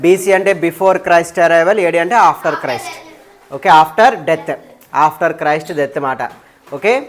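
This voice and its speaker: A woman's voice: on the low side, slow. A woman teacher taking a live class of students through an exam paper. She mixes in English terms and keeps checking with them.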